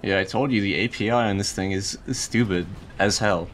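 A man's voice: fairly low pitch, moderate pace, noisy background. Wry young man commenting on gameplay. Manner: dry, wry, laughs often. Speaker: gaming YouTuber.

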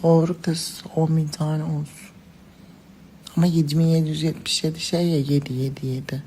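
A woman's voice: on the low side, slight background noise. A woman talking to her followers in casual phone story clips, dramatic and gushing, calling them princesses and girls. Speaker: social media personality.

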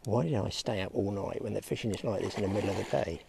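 Guy vlogging by a lake, lowish gravelly voice, chatty, keeps talking to the viewers. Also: quick pace, noisy background. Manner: chatty, talks straight to viewers. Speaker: fishing vlogger. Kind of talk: casual outdoor commentary. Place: outdoors by a lake.

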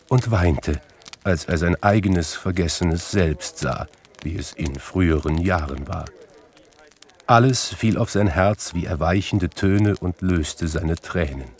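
A man reading a classic Christmas tale aloud in slow, measured narration. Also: deep voice. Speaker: storybook reader. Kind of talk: audiobook narration.

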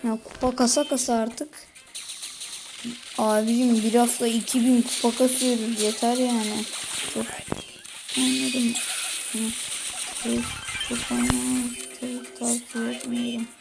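A woman casually commenting on her own game as she plays, chatty and quick to get irritated, talking straight to her viewers. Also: fairly high pitch, level tone, vocal fry, poor audio. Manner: chatty, easily irritated, addresses viewers as friends. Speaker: gaming video host. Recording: loud game music behind.

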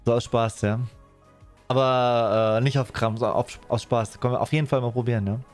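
Male streamer, thirties, mid-pitched, casual live gaming chat over faint music. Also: fairly even intonation, brisk. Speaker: game streamer. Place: small indoor streaming room.

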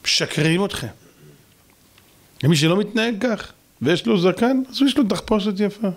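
Animated, lively male rabbi preaching. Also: high-pitched. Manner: emphatic, preaching with rhetorical questions. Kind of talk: sermon to a congregation.

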